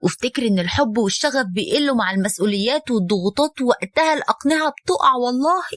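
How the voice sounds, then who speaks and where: A woman's voice: fairly high pitch, expressive, racing, fairly bright tone, dry recording. A woman voicing a stern, weary mother-in-law who lectures her son's young wife, in Egyptian Arabic. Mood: lecturing. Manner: firm, lecturing, bitter.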